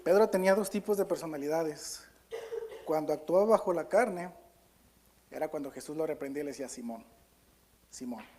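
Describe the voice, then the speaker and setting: Male pastor, higher-pitched voice, earnest and halting, pausing to correct himself, reading scripture aloud with emphasis. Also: dark tone, slight background noise. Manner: reads scripture aloud with stress on key words. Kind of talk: Spanish-language sermon with Bible reading.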